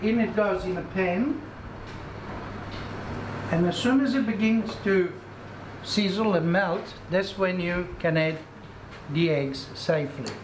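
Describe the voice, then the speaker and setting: A man's voice: high-pitched, slow pace, pauses often, background noise. A middle-aged man, hosting a cooking demonstration and chatting instructively as he cooks in a commercial kitchen. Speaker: cooking show host. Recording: echoey kitchen with faint sizzling.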